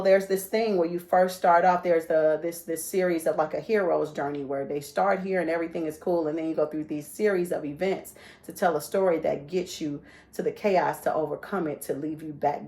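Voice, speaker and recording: A woman's voice: sits low, darkish tone. A woman giving an informal inspirational talk, storytelling in a conversational way and acting out the voices of people in her stories. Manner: conversational, asks "right?" often. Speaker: motivational speaker.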